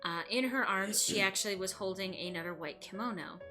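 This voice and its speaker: A woman's voice: medium pitch, brisk, bright, forceful tone, soft background music. A woman live streaming a game, reading aloud expressively and chatting with wry asides.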